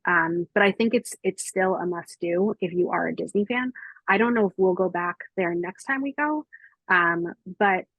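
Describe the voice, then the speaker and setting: Low-voiced American woman chatting on a podcast. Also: fairly bright tone, no echo, low-quality recording. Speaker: travel podcast co-host. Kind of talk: casual podcast chat.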